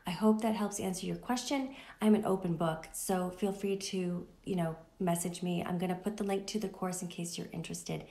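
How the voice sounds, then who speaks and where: A woman vlogger answering a viewer's question casually, speaking softly with a morning voice, partly in a whisper. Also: lowish voice, steady tone, normal speed, hardly any pauses, roomy sound. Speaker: affiliate marketing vlogger. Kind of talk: casual direct-to-camera answer.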